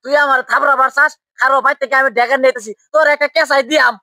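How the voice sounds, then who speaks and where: A man plays a foolish water spirit in a village comedy skit, in a very high, bright voice with a rural Bangladeshi accent. He is pompous and mock-solemn, easily provoked into bickering, and recorded dry. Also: fairly even intonation, racing, gravelly, no room sound, exaggerated voice.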